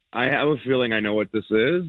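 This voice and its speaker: A man's voice: mid-range voice, fairly quick. Laid-back man over a tinny phone. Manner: laid-back, laughs a lot, rambling. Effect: heard over a phone line. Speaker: caller on a radio dating segment. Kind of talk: casual chat.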